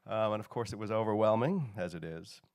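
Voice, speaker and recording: A man's voice: fairly low pitch, brisk, a little mellow, dry recording, studio quality. Middle-aged Irish man telling stories onstage. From Dublin, Ireland. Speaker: photographer and director giving a presentation. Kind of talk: informal live storytelling talk to an audience.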